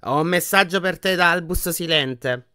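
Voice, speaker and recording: A man voicing a haughty, sneering old male wizard in a portrait, with a slow mocking drawl, for an audiobook. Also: on the high side, very animated, pushed and bright, no echo, studio quality, voice pushed up, exaggerated voice. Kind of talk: audiobook character voice.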